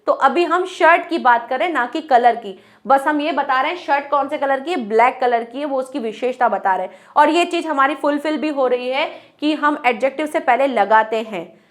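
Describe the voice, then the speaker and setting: A woman with a high, clear voice teaches an online grammar lesson. She explains step by step, putting questions to her students and answering them herself. Example sentences in English are read out slowly and deliberately.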